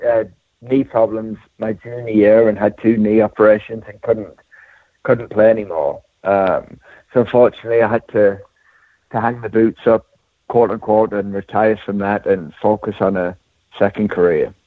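A man with a Durham accent from north-east England talks in a modest, self-deprecating way. His voice is on the low side. The sound is thin and narrow, like a phone interview on the radio, and quite dry. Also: fairly even intonation, moderate pace, no room sound. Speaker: racehorse trainer, interview guest. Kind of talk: conversational interview.

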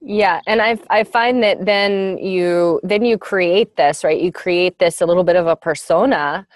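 Woman, lower voice, earnest casual talk, dry close mic. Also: measured pace, no echo. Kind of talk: casual chat.

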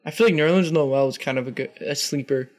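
A young man with a slightly higher voice chatting casually with a buddy. He keeps his remarks short and relaxed, tossing in the odd swear word. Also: quick pace. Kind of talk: casual chat.

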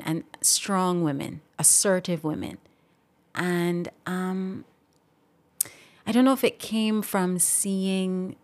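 A young adult woman talks through her story as a podcast guest. Her voice sits low for a woman, and she speaks in a relaxed, reflective way. When feelings rise she eases off with a small laugh. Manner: reflective, gets emotional and laughs it off. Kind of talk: casual interview talk.

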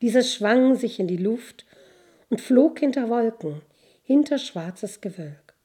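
Woman reading a fairy tale, dark husky voice. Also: fairly high pitch, slow pace. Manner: expressive storytelling. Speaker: narrator.

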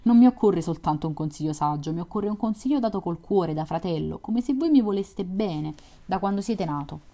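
A woman reading the part of a shy, earnest young woman in a read-aloud story, with a gentle, heartfelt delivery. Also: fairly low pitch, expressive, fairly quick. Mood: pleading. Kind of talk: audiobook reading.

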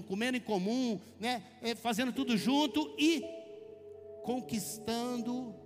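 A man with a Brazilian accent preaching a conversational sermon, telling chatty personal stories and calling his listeners brother. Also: high voice. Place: church hall. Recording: long hall reverb with faint music.

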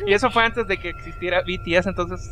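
A man's voice: high voice, fairly even intonation, quick pace, bright, forceful tone, faint music behind. Chatty man telling stories. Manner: chatty, stammering restarts, laughs easily. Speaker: podcast co-host. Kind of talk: casual comedic chat and storytelling.

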